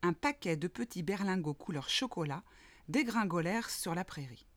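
A woman reading a children's story aloud, expressive and playful, with spoken sound effects. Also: lowish voice, normal speed, no room sound.

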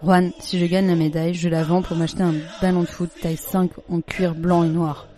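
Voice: mid-range voice, level tone, a little fast, mellow, lightly acted. A storyteller voicing an earnest young schoolboy in a plain, everyday tone. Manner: plain, earnest child's talk.

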